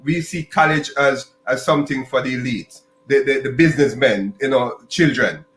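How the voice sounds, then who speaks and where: Male host, mid pitch, stumbling phrasing, roomy recording. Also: a bit bright. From Jamaica. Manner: halting, many restarts and repeated words. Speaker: podcast host. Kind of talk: podcast interview.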